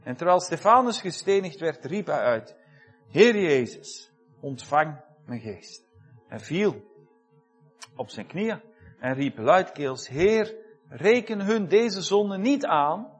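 A man's voice: fairly high pitch, animated, slow pace, faint music behind. A man preaching a fervent sermon, punctuating it with "amen" and building to impassioned peaks.

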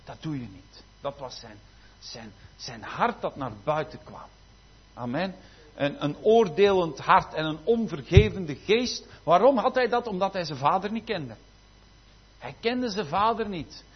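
A man's voice: high-pitched, lively intonation, measured pace, breathy edge. A man preaching a sermon, emphatic with frequent amens and rhetorical asides. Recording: dull lo-fi recording.

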